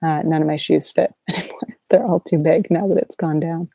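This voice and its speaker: Sleepy, very mellow creaky-voiced woman, soft ASMR chat. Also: steady tone, no room sound. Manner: halting, sleep-deprived, low-energy rambling. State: sleep deprived. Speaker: ASMR artist hosting a livestream Q&A.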